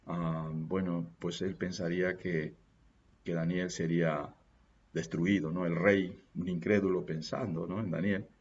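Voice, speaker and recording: Deep-voiced man preaching. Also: highs cut off, slight background noise. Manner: earnest, often ends phrases with a questioning "¿no?". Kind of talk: Sunday sermon. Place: church.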